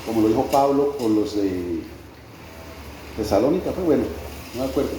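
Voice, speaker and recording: A male pastor preaches a sermon in a church hall, his medium-pitched voice warm and expressive at a moderate pace. He repeats his phrases and puts pointed questions to the congregation. The hall is very echoey, with faint background noise.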